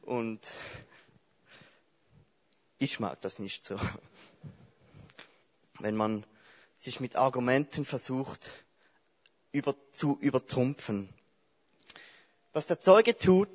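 A man delivers a sermon at an unhurried pace, telling the story in a lively way and asking his listeners questions. The recording sounds a little dull and lo-fi. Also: mid-range voice. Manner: lively storytelling, addressing the congregation directly. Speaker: preacher.

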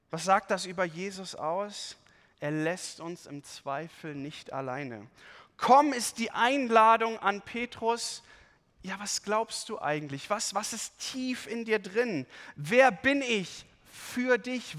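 A man preaching a sermon, reading scripture aloud and explaining it with lively, expressive emphasis. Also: high-pitched, long reverb tail.

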